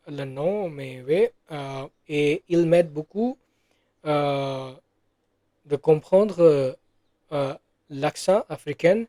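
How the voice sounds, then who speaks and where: Slow, hesitant man, dry close sound. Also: a little high, mellow, no room sound. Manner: hesitant, many fillers and self-corrections. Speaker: French learner. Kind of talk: casual spoken practice monologue.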